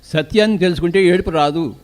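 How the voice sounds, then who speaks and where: A man's voice: sits high, fast, noisy background. An older man with a Telugu accent giving an emphatic spiritual discourse as a meditation teacher, asking questions and answering them himself.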